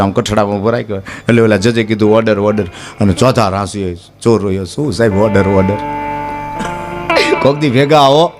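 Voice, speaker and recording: A male folk storyteller performs on a live stage and keeps switching into the voices of the people in his tales. He speaks at a middle pitch. Plucked strings play clearly behind him. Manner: animated, acts out characters, addresses listeners as "sir". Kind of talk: Gujarati dayro storytelling to a live audience. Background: plucked string music.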